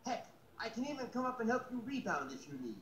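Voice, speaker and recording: British game concierge, super polite and formal, bouncy lively voice, roomy sound. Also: male voice, very high-pitched, fast, a little hiss or hum, heavily acted. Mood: eager, polite. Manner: courteous, formal, eager to help. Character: polite eager male building concierge.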